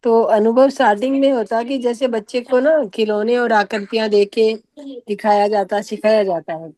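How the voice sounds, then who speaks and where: A woman's voice: on the high side, steady tone, moderate pace, mellow, dry recording. A woman teaching meditation on a video call, patiently explaining with examples, her voice distorted and breaking up. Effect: distorted, breaking-up audio. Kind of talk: guiding a group meditation call.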